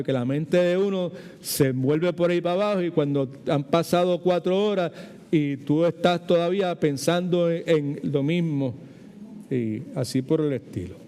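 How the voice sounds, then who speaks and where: A man's voice: a little high, a little slow, warm tone, in a large hall. A man, an older Puerto Rican pastor, teaching a Bible study in a chatty, digressive way and mixing English words into his Puerto Rican Spanish. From Puerto Rico. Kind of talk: informal sermon teaching.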